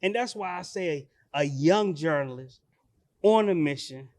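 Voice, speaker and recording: A man, a father and podcast co-host, telling a story in casual chat with lots of laughter and animated delivery. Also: a little high, unhurried.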